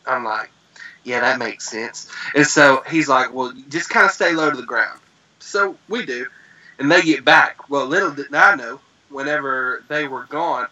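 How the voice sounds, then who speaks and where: A man with a slightly high, bright voice tells a story with excitement and acts out every voice in it. The recording sounds dull and lo-fi. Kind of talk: animated storytelling.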